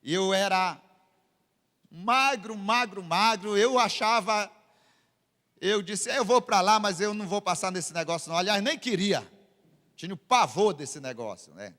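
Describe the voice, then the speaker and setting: A man's voice: sits high, lively intonation, unhurried, bright, forceful tone, in a large hall. A Brazilian man preaching a sermon as a pastor in a church, with dramatic delivery that acts out the scripture lines. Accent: Brazilian Portuguese.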